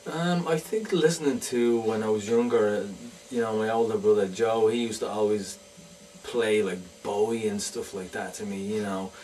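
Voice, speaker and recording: A man with an Irish accent talks haltingly about music he grew up on, his voice on the low side. He is picked up from some distance in a lounge bar with faint noise around. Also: fairly even intonation, a little mellow. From Dublin, Ireland. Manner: hesitant, full of "you know". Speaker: band percussionist and singer. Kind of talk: casual interview chat.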